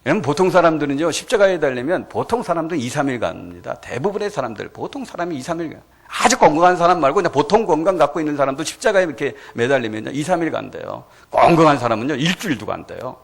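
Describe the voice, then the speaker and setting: A male pastor preaching a sermon in a church, animated and full of rhetorical questions to the congregation. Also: medium pitch, vocal fry. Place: church sanctuary.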